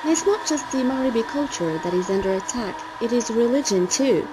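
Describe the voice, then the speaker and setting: A woman presenting a documentary in measured, scripted narration. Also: fairly high pitch, animated, noisy background. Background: music.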